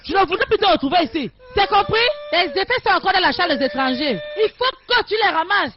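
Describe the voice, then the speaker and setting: Scornful power-mad daughter. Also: female voice, very high voice, lively intonation, fast. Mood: contemptuous. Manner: scornful, commanding, shouting at times. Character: cruel, power-hungry young woman turned sorceress. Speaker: cruel daughter Amaka. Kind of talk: dubbed film drama. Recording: dull lo-fi sound with faint music.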